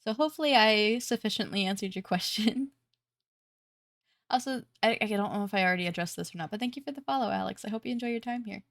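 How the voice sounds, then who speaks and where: A woman streamer chatting casually on a live stream, her voice stuffy and congested, relaxed and rambling with many fillers. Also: medium pitch, fast, vocal fry, no echo, studio quality.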